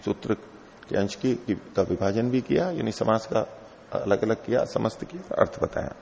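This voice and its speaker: A man's voice: lowish voice, expressive, normal speed, creaky, a little mellow, slight background noise. A middle-aged man teaching a classical text, explaining each term patiently and going over it again. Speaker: teacher of philosophy. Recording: lo-fi hall recording with long reverb.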